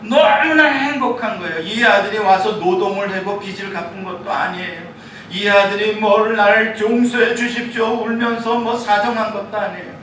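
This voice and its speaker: A man preaching a sermon as a pastor, telling the story in an animated way and asking the congregation questions. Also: high voice, moderate pace, very echoey, recorded from a distance, slight background noise, low-quality recording. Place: church sanctuary.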